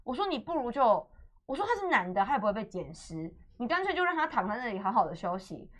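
A woman's voice: on the high side, fast talker. A young woman with a Taiwanese Mandarin accent, hosting a radio chat and telling stories with acted-out dialogue and laughter. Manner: animated storyteller, acts out dialogue, laughs often. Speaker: radio host. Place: radio studio.

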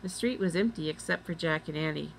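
Woman reading a kids chapter book aloud, lowish voice, steady, faint hiss behind. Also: fairly quick, gravelly, low-quality recording. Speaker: reader. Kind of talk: storybook read-aloud.

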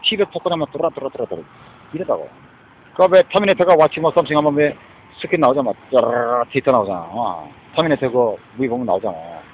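A man's voice: medium pitch, expressive, fast, a little hiss or hum. A man speaking with a Korean accent in an angry, rambling rant. He curses a lot and keeps tagging his lines with a challenging "eh?". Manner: cursing, mixing Korean and English, constant "eh?" tags. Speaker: street preacher-style ranter. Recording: dull lo-fi recording.

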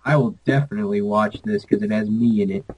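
Deep-voiced young guy, blunt and teasing. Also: very animated, quick pace, vocal fry, darkish tone, breathy edge, rough recording. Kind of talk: casual gaming chat over a call.

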